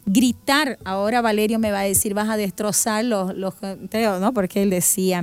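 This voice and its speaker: A woman presenting a religious radio program, retelling Gospel stories and acting out the shouts of the people in them. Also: mid-range voice, normal speed, heavy background noise. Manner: animated storyteller who acts out shouted quotes. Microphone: studio microphone.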